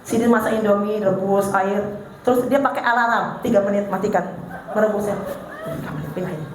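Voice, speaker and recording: A middle-aged woman with a Banjar accent giving a lively, humorous parenting seminar to an audience, animatedly acting out funny anecdotes about her husband. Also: mid-range voice, brisk. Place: large hall with an audience. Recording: very echoey hall, faint noise.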